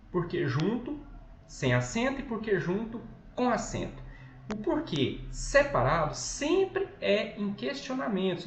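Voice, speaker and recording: A man with a Brazilian accent, a school Portuguese teacher recording a lesson at home, talking patiently, often checking in and correcting himself. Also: sits high. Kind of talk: recorded online lesson walkthrough. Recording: echoey, slightly dull home recording with faint noise.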